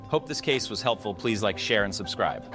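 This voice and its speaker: Over music, a radiology instructor walks through cases, explaining as he goes and putting questions to the viewer. His voice is on the low side, animated, and moderately paced.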